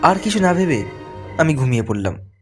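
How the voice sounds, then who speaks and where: Music plays beneath a fairly high, sing-song male voice moving at normal speed. In character as a frightened young man, he recounts a haunted-house visit through suspenseful, dramatic first-person storytelling.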